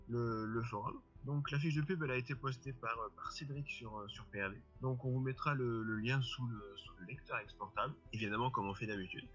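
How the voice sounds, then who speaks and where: A man chatting casually on a homemade web radio show, stumbling through his review with fillers and restarts. His voice sits at an ordinary pitch, and the recording is dull and lo-fi with faint music underneath. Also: a bit bright. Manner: hesitant, many fillers and restarts. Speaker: co-host presenting a forum review.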